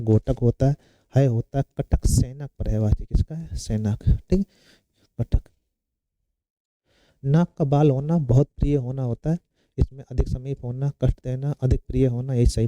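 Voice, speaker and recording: A man's voice: medium pitch, warm tone, no room sound, low-quality recording. A male teacher giving an exam-prep Hindi lesson, asking questions and answering them himself, repeating the key words.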